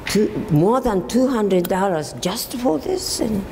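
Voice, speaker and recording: Older woman speaking slowly in an echoey hall. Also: mid-range voice, expressive, a little mellow. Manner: halting, with many restarts and fillers. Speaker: forum speaker. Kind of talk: casual slide talk to an audience. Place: meeting hall. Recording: echoey hall, faint background noise.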